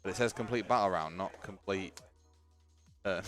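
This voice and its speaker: A chatty man with a fairly low voice, commentating a tabletop game match in a loose, joking way. Faint music plays underneath. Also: normal speed, a bit bright. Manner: chatty, joking, runs the stream tech while talking. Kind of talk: casual live-stream commentary.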